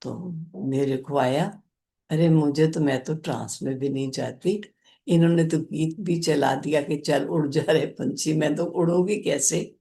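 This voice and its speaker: An older woman gives a spiritual talk at an unhurried, drawn-out pace. Her low voice carries a gravelly edge. She tells a personal story gently, as a teacher to her listeners. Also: steady tone. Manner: slow, gentle recounting of a personal experience.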